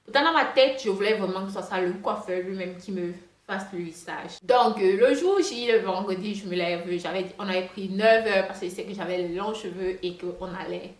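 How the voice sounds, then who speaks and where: A woman's voice: mid-range voice, moderate pace, few pauses. A woman vlogger telling a storytime in a rambling, chatty way, speaking French with a noticeable non-native accent. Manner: rambling, chatty, many fillers and restarts. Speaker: hair vlogger. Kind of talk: casual storytime monologue. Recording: roomy echo with faint music.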